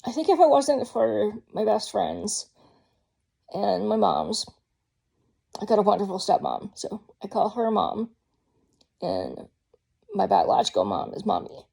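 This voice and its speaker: A woman's voice: mid-range voice, sing-song, a little slow, creaky, pauses often, mellow, husky. A woman talking candidly in a casual personal vlog, rambling with frequent ums. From Georgia, US. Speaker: vlogger.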